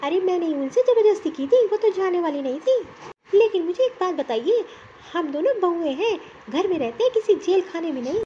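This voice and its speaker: Cartoon young daughter-in-law, outspoken and shrill, a woman voicing her, faint hiss under it. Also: expressive, fairly quick, mellow, dull audio. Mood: indignant. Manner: indignant, protesting. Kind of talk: cartoon story voice acting.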